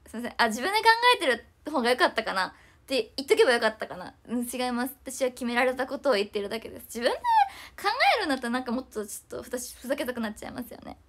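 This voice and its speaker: A young woman, chatting fast and casually on a livestream, reading viewer comments and often apologizing. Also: on the high side, lively intonation, fairly bright tone, a little hiss or hum.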